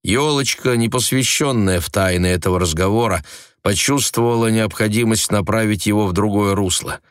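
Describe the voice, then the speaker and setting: A man narrating an audiobook in a calm, even storytelling manner. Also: on the low side, moderate pace, no room sound, clean studio sound.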